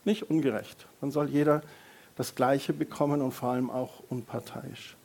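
A middle-aged man preaching a lively sermon as a pastor, joking with the congregation and raising his voice for emphasis. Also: mid-range voice, normal speed, gravelly, slightly rough. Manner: lively, varies loudness for emphasis, jokes with congregation.

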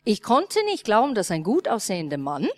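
A woman's voice: medium pitch, brisk, no echo. A woman pastor preaching a sermon and telling a personal story, speaking as a with small grammar slips, acting out the dialogue in her story. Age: 30s or older. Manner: lively storytelling, acts out dialogue, non-native grammar slips.

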